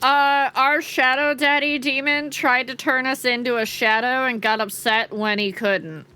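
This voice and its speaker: A woman's voice: high voice, steady tone, a little slow, pushed and bright, smooth, faint music behind. A woman hosting a game livestream, chatting to viewers in a cute, playful anime-streamer manner. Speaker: streamer, host.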